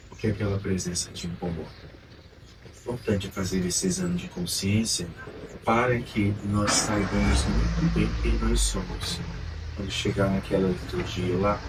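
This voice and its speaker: A Brazilian man, a priest, giving an earnest homily at Mass, exhorting his listeners with rhetorical questions. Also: lowish voice. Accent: Brazilian Portuguese. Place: church during Mass. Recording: distant mic with background noise.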